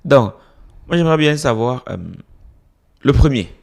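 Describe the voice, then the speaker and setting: A man hosting an interview in a casual, lively way, joking and often repeating the guest's words back. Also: medium pitch, unhurried. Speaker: interview host.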